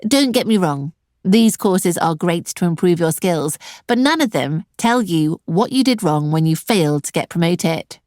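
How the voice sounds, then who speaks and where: A woman's voice: lowish voice, expressive, unhurried, darkish tone, no room sound, clean studio sound. Sarcastic, direct woman hosting a webinar. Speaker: webinar host and career coach. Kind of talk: presenting an online webinar.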